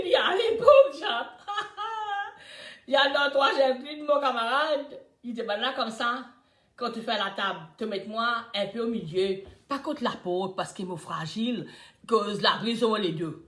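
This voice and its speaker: An older woman from Mauritius with a Mauritian accent, chatting casually to her viewers in a somewhat high voice. She tells her stories in an animated way, swinging between loud and soft. The room around her gives a noticeable echo. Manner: lively storytelling, often breaks into laughter, swings between loud and soft. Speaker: live chat host. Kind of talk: casual Creole live chat. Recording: roomy echo.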